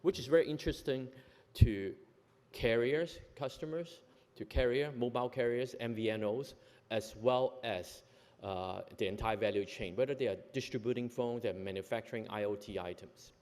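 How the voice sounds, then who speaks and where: A company executive from Hong Kong speaks at a conference in a big hall whose long reverb colors the recording. His voice is medium-pitched and a little mellow, moving at a moderate pace, though his delivery is halting, full of fillers and self-corrections.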